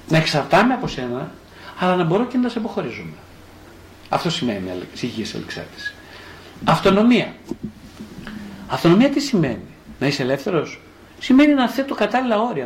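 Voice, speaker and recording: A man's voice: fairly high pitch, reverberant, rough recording. A male psychotherapist giving a spoken lecture, asking questions and then answering them himself, and sometimes speaking as a child in the first person. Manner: animated, asks and answers his own questions.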